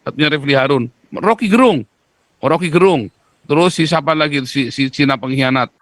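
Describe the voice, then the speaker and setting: A man's voice: fairly high pitch, brisk, a bit bright, dry recording. Emphatic man, dry sound. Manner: emphatic, rises sharply when stressing points. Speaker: guest commentator. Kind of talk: casual talk-show discussion.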